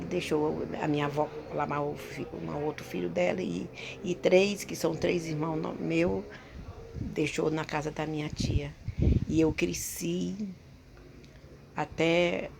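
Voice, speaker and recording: A woman, hosting her own channel and telling a personal story in a halting way, full of restarts and repeated words. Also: deep voice, vocal fry, background noise. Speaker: channel host.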